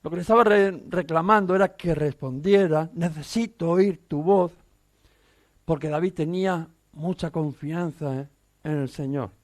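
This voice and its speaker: A Spanish pastor with a Peninsular accent preaches a sermon earnestly and emphatically, packing it with rhetorical questions. His voice is fairly high-pitched at normal speed, captured in a dry recording.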